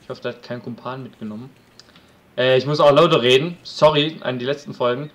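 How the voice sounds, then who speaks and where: A man's voice: mid-range voice, fairly even intonation, fast, slight background noise, rough recording. A man casually commenting on a survival game he plays, joking and talking to his viewers. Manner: chatty, jokey, talks to the audience, shouts at wolves. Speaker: let's play commentator.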